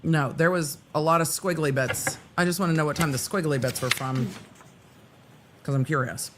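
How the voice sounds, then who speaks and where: A man with a somewhat high voice comments live on a trial as a streamer. He speaks casually, dropping informal asides to explain things to listeners. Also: steady tone, moderate pace, background noise. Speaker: livestream commentator.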